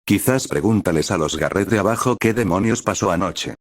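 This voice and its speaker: A man's voice: low voice, lively intonation, brisk, no room sound, studio quality. A man reading the part of a hungover male courier who curses and scolds himself in a flustered way. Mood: frustrated. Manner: cursing, self-scolding, flustered.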